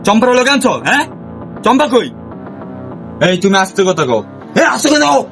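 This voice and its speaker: A boastful, shady man who barks orders and blusters , played by a male comedian. His speech sits high in pitch. A music bed runs under the sketch throughout. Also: sing-song, a bit bright, exaggerated voice. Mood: bossy. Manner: blustering, bossy, quick to threaten. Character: boastful shady adult man, self-styled humanitarian.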